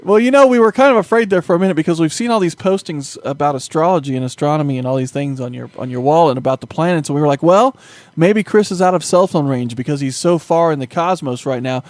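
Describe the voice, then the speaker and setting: A man's voice: fairly high pitch, fast talker, darkish tone, no room sound. A man hosting a show and chatting casually, chummy and effusive with the person he is talking to. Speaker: show host. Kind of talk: casual chat with a caller.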